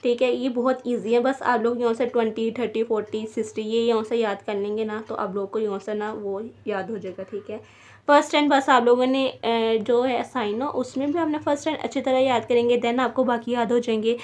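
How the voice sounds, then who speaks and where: A woman's voice: on the high side, steady tone, moderate pace, darkish tone. A woman teaching a beginner language lesson, patiently repeating each word several times and checking in with her students.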